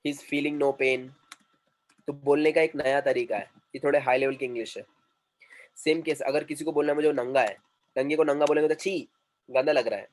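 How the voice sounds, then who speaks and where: Man teaching English phrases slowly. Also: medium pitch, low-quality recording. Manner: explains slowly, repeating English phrases and translating them. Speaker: English communication trainer. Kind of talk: classroom teaching.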